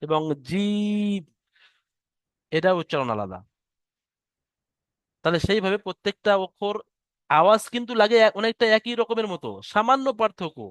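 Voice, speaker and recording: A man teaching Quran recitation in an online lesson, chanting verses slowly and explaining pronunciation patiently. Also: high-pitched, lively intonation, a bit bright, dry recording, clean studio sound.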